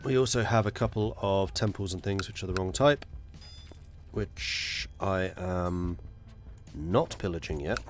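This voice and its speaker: A gaming streamer with a cold chats casually with viewers in live gameplay commentary, sounding congested as he thinks aloud through a strategy game. His voice is low-pitched and a little slow, and he's chatty, muttering to himself while he plans.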